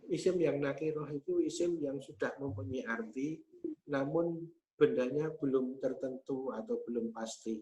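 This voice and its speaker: A man, teaching Arabic grammar patiently and methodically, pausing often on hesitation sounds. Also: medium pitch, mellow. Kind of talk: explaining grammar in a class. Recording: slightly muffled with faint hum.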